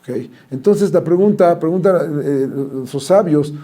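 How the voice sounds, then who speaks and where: Rabbi teaching, warm and higher-pitched. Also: male voice, unhurried. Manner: animated storytelling, acting out quoted voices. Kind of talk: Torah lecture.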